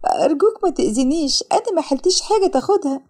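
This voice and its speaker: A woman's voice: high-pitched, fast talker, mellow, voice pushed up, close to an everyday voice. A woman voicing a frightened, poor young woman with an Egyptian accent, pleading and tearful in a storybook narration. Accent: Egyptian Arabic.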